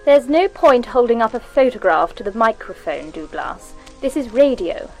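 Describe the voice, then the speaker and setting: Disapproving 1940s radio hostess, high and crisp. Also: female voice, very animated, moderate pace, faint music behind, poor audio. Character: prim, sharp-tongued 1940s female radio hostess.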